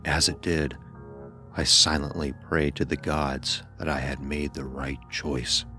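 A man voices an anguished blind youth, recounting his ordeal in first person with grave, dramatic, deliberate horror narration. His voice is very deep yet a little bright.

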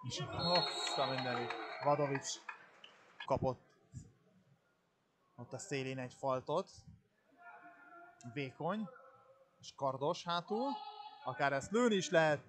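A man's voice: medium pitch, pauses often. A man giving live play-by-play commentary on water polo. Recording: steady pool-hall noise behind the voice. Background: indoor pool ambience.

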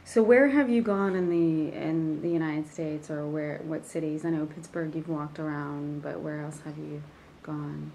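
A woman's voice: low voice, steady tone, a little slow, gravelly, a little mellow, slight background noise, low-quality recording. A woman interviewing someone, asking rambling questions she often restarts.

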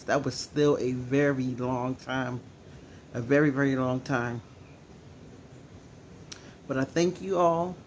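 A teary-eyed man records a personal vlog at home and talks earnestly, coming back to the same words again and again. His voice sits a little high for a man and has a rough, gravelly creak. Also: slight background noise. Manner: earnest, emotional, repeats himself. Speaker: vlogger. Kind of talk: casual personal vlog talk.

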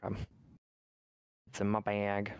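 A man's voice: on the low side, monotone, slow, creaky, clear, resonant tone, no echo. Casual male gamer on a dry mic. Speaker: tabletop game player. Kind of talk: casual game chat.

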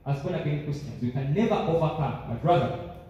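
Young male preacher, high and mellow voice, fervent, repetitive, echoey hall, heard from far off. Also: brisk, lo-fi sound. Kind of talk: sermon. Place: large church sanctuary, standing at a pulpit. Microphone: handheld mic, filmed by a far camera.

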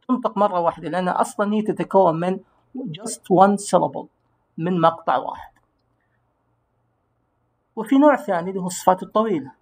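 A man, an English teacher giving a recorded grammar lesson, who explains patiently and slows down to pronounce English words. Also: high-pitched, darkish tone, husky.

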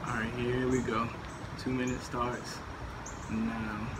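A man in his thirties giving casual commentary to camera while doing a slow push-up, as a fitness vlogger. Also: medium pitch, level tone. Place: outdoors on a residential driveway. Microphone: camera a few meters away. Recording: noisy outdoor camera audio, background hum.

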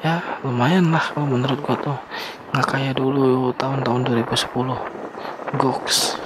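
A young man talks his viewers through a motorbike ride in a flat, laid-back voice. He sounds relaxed and slangy, recorded on a camera mic on the move. Engine and street traffic noise sit clearly under his words. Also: medium pitch, moderate pace. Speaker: motovlogger. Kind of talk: casual riding commentary. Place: riding a motorbike on town streets outdoors.

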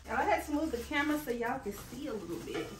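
Female vlogger, American, high voice, casual and expressive, playful slang. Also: quick pace, roomy sound, background noise. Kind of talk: casual chat to camera.

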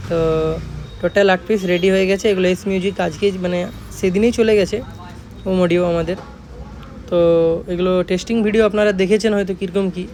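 In a casual video about his speaker workshop, a Jhargram man with a West Bengal accent talks quickly in a high, darkish voice with a steady tone. He repeats his points and leans on tag phrases to check agreement, and there's a little hiss or hum on the recording.

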